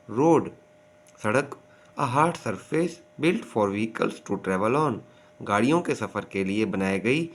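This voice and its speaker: A man with a Pakistani accent teaching a grade-school textbook exercise, reading each sentence carefully and then translating it. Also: medium pitch. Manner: deliberate, reads English lines slowly, then explains. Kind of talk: slow bilingual lesson, reading then translating.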